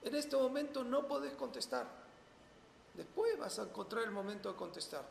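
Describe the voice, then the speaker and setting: Gravelly, high-voiced Rioplatense religious teacher. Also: male voice, sing-song, moderate pace, roomy sound, in a large hall, a little hiss or hum. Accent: Rioplatense Spanish. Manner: poses rhetorical questions, then answers them emphatically. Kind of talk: Torah lesson to a small audience.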